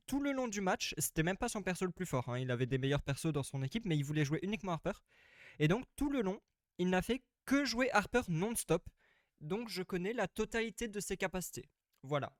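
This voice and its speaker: A man's voice: sits high, no echo, clean studio sound. A man streaming a video game live, chatting casually and rambling, a little tired. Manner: chatty, rambling, repeats himself. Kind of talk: casual live let's-play commentary. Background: faint game music.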